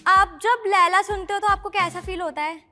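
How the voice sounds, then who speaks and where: A woman's voice: very high-pitched, steady tone, normal speed, pushed and bright, in a large hall, faint music behind. A woman doing a nervous, rambling, flirty stand-up set on a comedy show stage.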